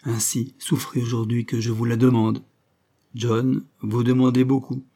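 A man portrays a courteous young doctor speaking with earnest formality. His voice sounds warm and slightly breathy. It is an audiobook reading. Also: mid-range voice, level tone, a little slow.

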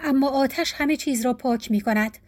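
A woman voicing a faithful young wife in a storybook, speaking softly with a trembling voice. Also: high voice. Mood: hurt. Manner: soft, trembling speech. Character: faithful young wife, wounded yet dignified.

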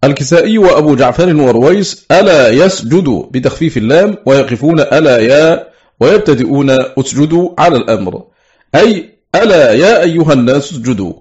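A man reading aloud from a classical scholarly book in a measured, precise way. He slows down to recite each quoted word. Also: a little high, darkish tone. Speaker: reader of a classical text. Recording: dull lo-fi recording.

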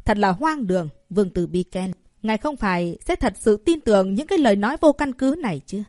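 A woman's voice: mid-range voice, lively intonation, brisk, a little mellow, dry recording, studio quality, natural voice. A woman voicing a scheming, condescending male chairman of a medical association. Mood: persuasive.

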